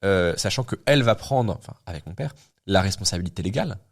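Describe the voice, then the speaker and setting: A fast-talking guest entrepreneur in his twenties, with a low voice and lively intonation, chats casually on a podcast. Blunt in manner, he thinks aloud, full of fillers and frequent restarts.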